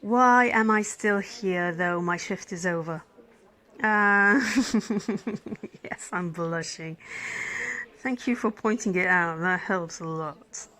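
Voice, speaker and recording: A woman performs an ASMR roleplay as a caring emergency physician falling for her crash patient, speaking intimately in one-sided dialogue. Her fairly low voice is slow, pushed and bright, shy and affectionate, tender, soothing and flustered, with breathy whispers.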